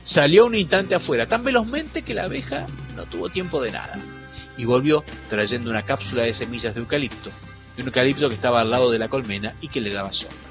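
A man narrating a children's fable in an expressive, dramatic storybook reading. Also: mid-range voice, fast. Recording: faint music behind.

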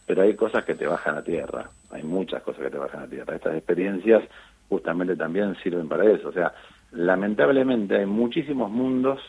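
A middle-aged Argentine man, an eye surgeon, telling stories in a relaxed interview, with lots of fillers and restarts. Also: low voice, a little fast, gravelly, breathy edge. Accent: Argentine Spanish. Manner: animated storytelling with frequent fillers and restarts. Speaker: eye surgeon on charity missions. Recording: tinny phone-line sound.

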